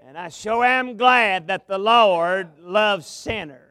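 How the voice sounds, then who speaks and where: A guest pastor with a Southern US accent preaches a revival sermon into an amplified pulpit mic in a large tabernacle, using a folksy, drawn-out cadence. His voice is high-pitched, bright and forceful, with some gravel, and there's no echo.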